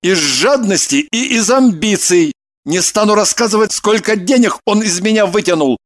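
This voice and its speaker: Man playing a young male killer, bitter, confessional, audiobook dialogue, higher-pitched. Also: animated, moderate pace. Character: troubled 27-year-old male killer, confessing.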